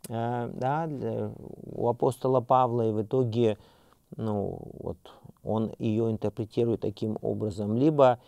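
A middle-aged man giving an unscripted seminary lecture, hesitant, with many fillers and restarts, slowing down when he reads scripture aloud. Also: mid-range voice, fairly even intonation, gravelly, warm tone, no echo.

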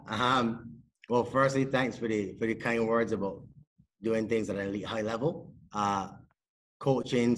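A man, talking as a podcast guest on a video call in a small room, measured and modest, with many fillers. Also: lowish voice, a little hiss or hum. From Barbados. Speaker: sports psychologist and cricket coach, podcast guest. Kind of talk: casual interview talk. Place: indoors, small room with a plain wall.

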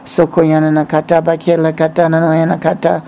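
A man preaches a religious prophecy in a slightly high, warm voice with vocal fry, speaking fast with a completely flat delivery. He breaks short phrases up with repetitive, incantatory chanting in tongues, and there is some background noise.

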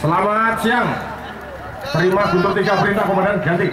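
A man's voice: high voice, brisk. A man as a police officer giving a formal reply over a police radio call. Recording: echoey and distant, loud crowd and noise.

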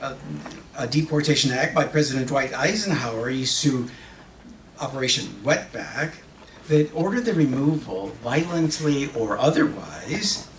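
Sounding concerned, a man reads a monologue on an auditorium stage in the role of an earnest magazine publisher, alternating English and Spanish. His animated mid-range voice is close to an everyday voice, delivered in deliberate, halting short phrases with pauses. It was captured from a lectern stand mic by a distant camera, so it is echoey and distant with background noise.

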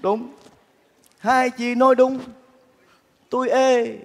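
An actor playing a kind-hearted bachelor neighbor in a stage comedy, talking in a soft, coaxing, earnest way. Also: male voice, very high-pitched, level tone, takes it slowly, creaky, full character voice. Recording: reverberant theater stage, faint music.

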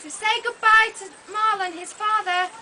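This woman's very high-pitched voice keeps a fairly even intonation at normal speed as she narrates a puppet show live for young children. Her phrases are short, simple, and exclamatory, with questions to the audience. A camera mic in the audience records the open-sided thatched hall, which is noisy.

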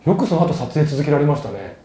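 A male host talks fast and with lively swings of pitch as he reacts to a guest's story. He keeps asking eager follow-up questions in a mellow, darker tone. The recording sounds roomy and has a faint background noise. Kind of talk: conversational interview.

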